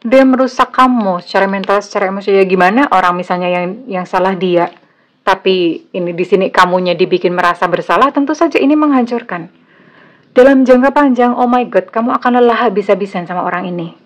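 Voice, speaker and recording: A woman with an Indonesian accent gives a viewer a casual tarot reading, chatty and blunt, sprinkling in English phrases. Her voice is mid-range and her delivery brisk.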